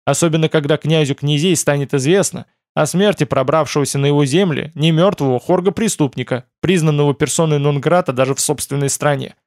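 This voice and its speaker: A man's voice: on the high side, a little fast, hardly any pauses, a little mellow, no room sound, clean studio sound, lightly acted. A man reading as a wry young man. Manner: joking, mildly sarcastic.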